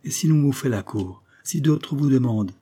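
A man voicing an earnest, steady young farm man who talks in calm, reasoned sentences. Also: mid-range voice, moderate pace, slightly rough, pitched above the performer's own voice. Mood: tender.

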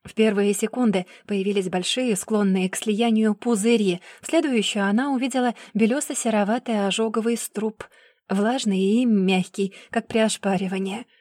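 A woman reading a dark story aloud as an audiobook narrator, with steady, dramatic delivery. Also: mid-range voice, moderate pace, no echo, studio quality.

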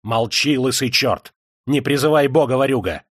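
A man's voice: mid-range voice, moderate pace, no echo, studio quality, lightly acted. A man voicing a domineering young heir who barks threats. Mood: furious. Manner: menacing, barking threats.

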